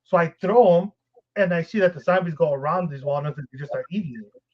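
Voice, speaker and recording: A man's voice: on the high side, fast. A man co-hosting a podcast, telling a long, rambling, profane story and laughing often. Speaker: podcast co-host. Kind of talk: casual storytelling. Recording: dull lo-fi podcast recording.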